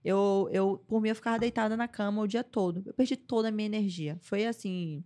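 A woman's voice: mid-range voice, a little fast, warm tone. A young adult woman, a podcast guest, speaking candidly in casual interview conversation and telling personal stories with feeling. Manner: candid, emotional storytelling with frequent "gente".

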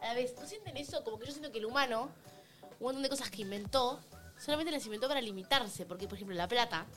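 A woman's voice: a little high, expressive, fairly bright tone, faint music behind. A young woman with an Argentine Rioplatense accent, ranting passionately in a casual podcast chat. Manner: ranting, rushes her words. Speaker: podcast co-host.

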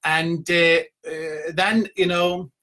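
A middle-aged business coach with an Icelandic accent gives an informal motivational talk from home, indoors, to a live online audience. His bright, forceful voice is pitched slightly above most men's, with little pitch movement and a slow pace, as he tells loose, rambling stories full of "you know." The recording has a little hiss or hum.

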